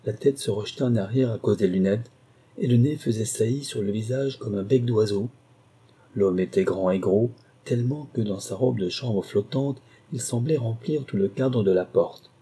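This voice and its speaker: A male audiobook narrator telling a first-person story. His voice is dark and husky and sits fairly low, and his delivery is measured and dramatic. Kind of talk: scripted narration.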